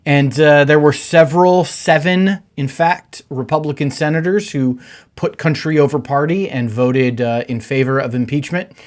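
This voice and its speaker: A middle-aged man, a pastor, hosting his own podcast in a relaxed, conversational way with many filler words. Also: a little high, moderate pace. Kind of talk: casual podcast monologue.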